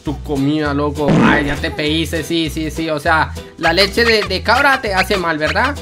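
A young gaming YouTuber with a slightly high voice comments on a horror game at a somewhat slow pace. He's jittery and jokey, feigning fright and using plenty of slang, with game music playing behind him.

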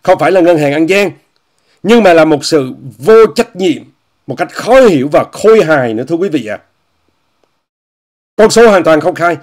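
A man's voice: fairly high pitch, animated, normal speed, long pauses, a little mellow. Mocking male commentator. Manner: repetitive, often repeats phrases and says "quý vị" often; scornful, mocking tone. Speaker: commentator hosting an online talk show. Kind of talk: casual monologue commentary addressing viewers.

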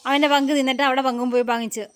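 A woman's voice: high voice, flat delivery, rapid-fire, clear, resonant tone. A woman from Kerala vlogging at home, coaxing and scolding her pet dogs in doting baby-talk. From Kerala, India. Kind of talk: casual home vlog talking to pet dogs.

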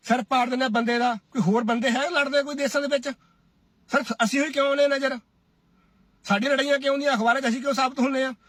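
A man's voice: very high-pitched, a bit bright, no room sound. A man from India giving a preachy, scolding duet commentary, often asking his listeners "right?". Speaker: social media commentator. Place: Cyprus.

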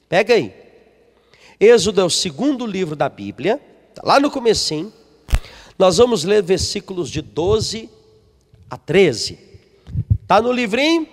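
A man's voice: sits high, sing-song, unhurried, pauses often, in a large hall. A man, a missionary preaching a sermon, reading from a book and putting questions to the congregation. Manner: emphatic, asks the congregation questions.

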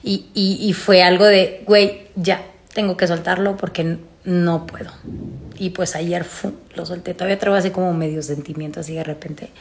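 A Mexican woman in her thirties speaks in a slightly low voice. She confides in her followers in casual, emotional, halting talk, recorded on a phone held at arm's length in a room at home. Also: steady tone, a little hiss or hum. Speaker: vlogger. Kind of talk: casual confessional chat to followers. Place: small room at home, indoors.

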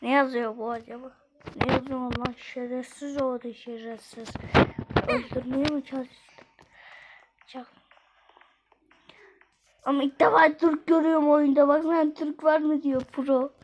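A woman giving gameplay commentary, excitable, shrieking when scared and pleading or teasing with other players. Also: high-pitched, measured pace, long pauses, lo-fi sound, slight background noise. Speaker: gamer playing online.

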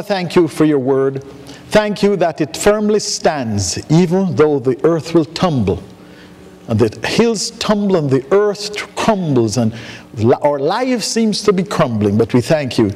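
A man's voice: mid-range voice, a little mellow. A man pastor preaching a sermon, telling a joke in a folksy storytelling way, with frequent restarts. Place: church sanctuary. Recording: echoey church hall.

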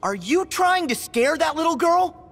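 An actor voicing an earnest, friendly teenage boy hero in an animated video game. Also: very high-pitched, moderate pace, full character voice.

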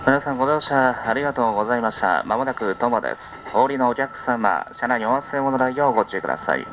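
A male train conductor makes live announcements in polite set phrases. His mid-pitched voice comes through a dull PA with faint cabin noise. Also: lively intonation, fast. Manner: formulaic, repeated polite phrasing.

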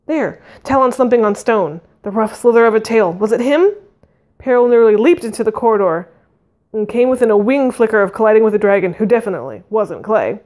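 A woman's voice: on the high side, a little mellow. A woman reading a fantasy novel aloud, narrating expressively and voicing the dialogue. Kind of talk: audiobook reading.

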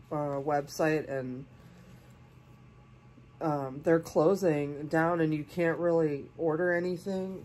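A woman with a cold, sounding congested and sniffly, gushing softly as she unboxes doll clothes and sometimes dropping to a whisper. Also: sits low, a little hiss or hum. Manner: gushing, soft-spoken, sometimes drops to a whisper. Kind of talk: casual unboxing chat.

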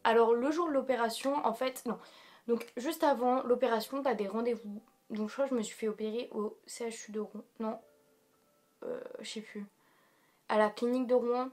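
A woman's voice: fairly high pitch, steady tone, moderate pace, darkish tone. A young woman with an accent from France, chatting casually to camera and telling a personal story in an informal, emphatic, rambling way with youthful slang. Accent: French (France). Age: young adult. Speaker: vlogger. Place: small room indoors.

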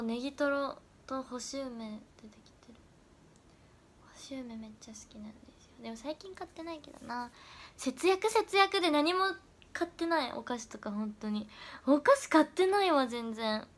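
A young woman, an idol trainee, chatting casually on a livestream and answering viewer comments, often dropping into soft whispers. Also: high-pitched, moderate pace. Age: young adult.

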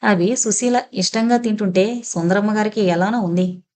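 A woman's voice: medium pitch, normal speed, a little mellow. Woman narrating an audio novel. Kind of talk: scripted narration.

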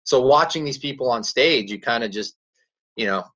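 Over a video call from a small room at home, a young country singer from Canada chats casually as an interview guest. His raspy, medium-pitched voice moves at normal speed, rambling and quick to laugh, and the call audio is dull and lo-fi.

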